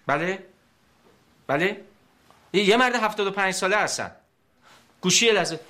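A doctor in a TV comedy, passing questions down a phone line. His voice is high and bright, with a clipped, fed-up edge. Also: animated. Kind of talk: TV comedy acting.

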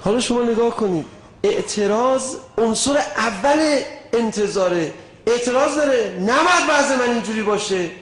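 A man preaching a sermon with passion, dropping to a hush and then rising to shouts. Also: very high voice, lively intonation. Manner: impassioned, swings from hushed to shouting. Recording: roomy echo.

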